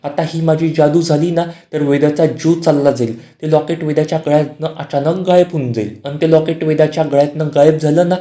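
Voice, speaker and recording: A man's voice: a little high, steady tone, a little fast, hardly any pauses, dark tone, close to an everyday voice. A man voicing a scheming sorceress who plots aloud in a recap. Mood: plotting. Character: scheming sorceress, adult woman. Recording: roomy echo.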